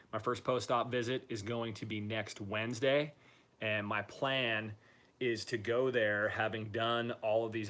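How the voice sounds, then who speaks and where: Bright-voiced man, somewhat low pitched. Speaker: patient giving a recovery update. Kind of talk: casual video diary.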